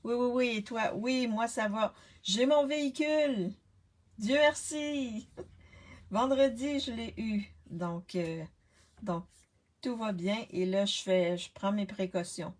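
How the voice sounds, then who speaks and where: Her voice is a little high and her pace slow. This retired woman from Canada hosts a live card-making stream from her home craft space, welcoming viewers by name and often restarting her sentences with fillers, picked up by a laptop webcam on the desk.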